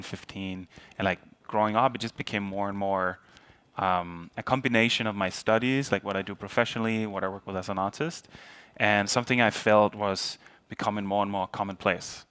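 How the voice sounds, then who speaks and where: A man's voice: lowish voice, a bit bright, smooth. A young man from Denmark, an artist, speaking reflectively and loosely in a panel conversation. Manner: reflective, rambling with fillers.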